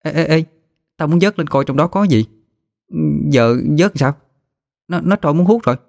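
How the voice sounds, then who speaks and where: A man voicing a bold ten-year-old village girl, high and chatty. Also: lively intonation, moderate pace, darkish tone, no room sound, clean studio sound. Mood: curious.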